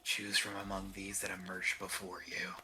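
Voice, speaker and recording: A woman voicing a quiet, wistful, mysterious young girl in a video game, soft-spoken and measured. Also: a bass voice, monotone, background noise. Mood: calm, wistful.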